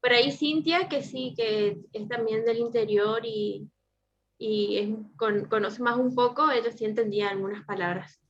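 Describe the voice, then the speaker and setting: A woman's voice: fairly high pitch, moderate pace, lo-fi sound. A woman interviewer asking polite, formal questions over a video call whose audio keeps breaking up. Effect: choppy, breaking-up internet call audio. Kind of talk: remote interview.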